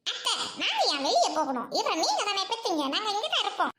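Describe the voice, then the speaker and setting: A woman playing a brash, defiant young daughter-in-law who scolds and boasts loudly in a comic serial spoof, recorded with background noise. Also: very high-pitched, wildly swooping pitch, fast, full character voice.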